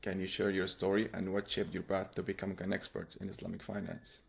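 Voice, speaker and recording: A man's voice: low voice, monotone, fast, creaky. A man hosting an interview, asking brief and polite questions. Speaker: host.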